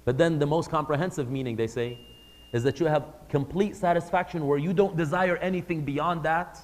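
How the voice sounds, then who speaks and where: On the high side and a little fast, a man's voice carries a religious lesson to a live class. The religious teacher chats with the audience and asks them questions, and the hall gives a long reverb.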